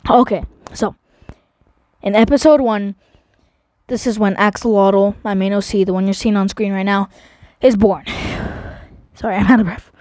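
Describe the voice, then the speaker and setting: A woman's voice: mid-range voice, steady tone, normal speed, a little mellow, dry recording, clean studio sound. A woman casually narrating a recap of her own animation series, rambling with many fillers and restarts.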